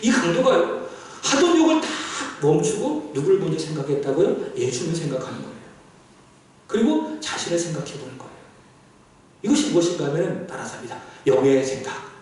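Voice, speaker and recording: A male pastor preaching a sermon, animated, often asking the congregation questions. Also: on the high side, fairly quick, very echoey, distant mic, low-quality recording. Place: church sanctuary.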